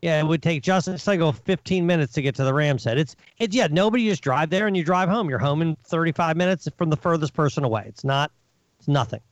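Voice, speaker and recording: A man on a podcast telling a story with animated indignation, swearing as he goes. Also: on the high side, fast talker, no room sound, lo-fi sound. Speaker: regular guest of the show. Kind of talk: casual podcast chat.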